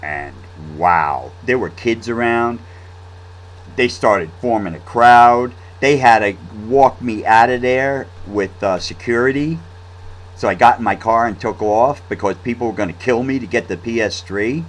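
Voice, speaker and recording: A man's voice: medium pitch, measured pace, rough recording. A man telling a story in a casual, rambling monologue, with restarts and fillers. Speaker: vlog host.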